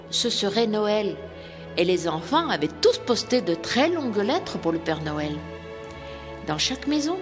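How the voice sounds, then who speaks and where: Expressive woman reading a children's story. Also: medium pitch, in a large hall. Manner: expressive, animated.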